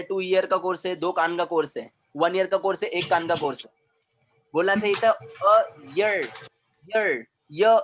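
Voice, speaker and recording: A man's voice: sits high, fairly bright tone. Emphatic Indian male English teacher. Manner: emphatic, repeats sounds for drill, mixes Hindi and English. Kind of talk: classroom lecture. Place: classroom.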